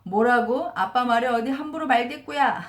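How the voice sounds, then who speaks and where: A woman's voice: on the high side, normal speed, pitched above the performer's own voice, lightly acted. Lady playing a dad scolding his teen, belittling tone, echoey room. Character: angry scolding father of a teenager. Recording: roomy echo.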